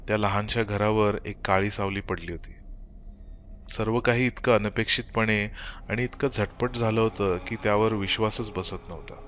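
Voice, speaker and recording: A man narrating a horror story as an audiobook reader, with slow, measured storytelling. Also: fairly low pitch, steady tone, fairly bright tone.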